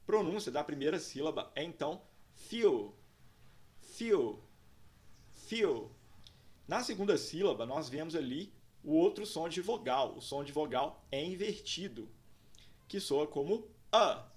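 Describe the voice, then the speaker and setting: Man, Portuguese native, slightly high voice, patient drilling teacher, scripted lesson. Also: animated. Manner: slow, careful, repeats example words for drilling. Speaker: pronunciation teacher.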